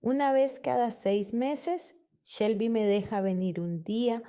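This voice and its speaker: Ashamed broke dad pleading quietly, kinda dark mellow tone, a woman reading him out. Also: on the high side, slow pace, clear, resonant tone. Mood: remorseful. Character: remorseful broke middle-aged father, ashamed.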